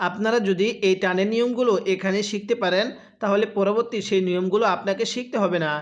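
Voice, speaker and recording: High-voiced patient teacher. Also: male voice, fairly even intonation. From Bangladesh. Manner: drawn-out slow chanted recitation of each word between plain explanations; patient, asks and answers his own questions. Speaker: Quran recitation teacher. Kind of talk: step-by-step Quran reading lesson.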